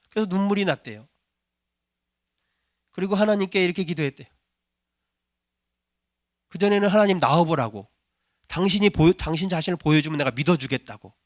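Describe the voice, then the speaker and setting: A man preaching a sermon as pastor, telling a story and acting out desperate prayers, at times loud and pleading. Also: sits high, no echo, studio quality. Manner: acts out quoted prayers, rising to loud pleading.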